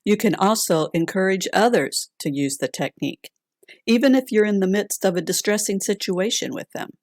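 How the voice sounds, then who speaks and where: A woman instructor leading a calm grounding exercise in a gentle, deliberate way. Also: medium pitch, no room sound, clean studio sound. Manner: slow, gentle, deliberate with long pauses.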